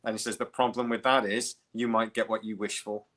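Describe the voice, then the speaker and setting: A British man hosts a podcast in an animated, chatty way, his voice going hoarse after a long talk. His tone is bright and forceful, with a firm edge. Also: on the low side, fairly quick. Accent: British English. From United Kingdom. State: hoarse from talking. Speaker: podcast host. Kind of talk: casual chat.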